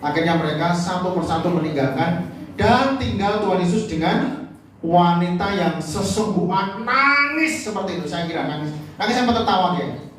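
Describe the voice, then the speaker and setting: A man's voice: high-pitched, animated, moderate pace, a bit bright. A male pastor with a Javanese accent preaching live, heard from a distance in a very echoey hall with faint background hiss. He teases his listeners, fires questions at them, and draws out key words in a near-singing stretch. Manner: jokey, quizzes the congregation with questions. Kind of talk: live sermon.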